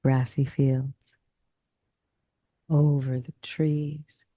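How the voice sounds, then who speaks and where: A man narrating a guided sleep hypnosis in a hushed, soothing manner, in drawn-out phrases with long pauses. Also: mid-range voice, level tone, no echo, clean studio sound.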